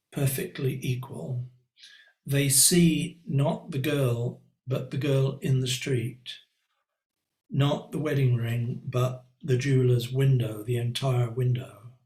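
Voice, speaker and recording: Heard through a computer mic on a video call, this male art teacher has a mid-range, slightly mellow voice in a reverberant, rough recording. He runs a live online painting class in a reflective, chatty manner, full of ums and small asides.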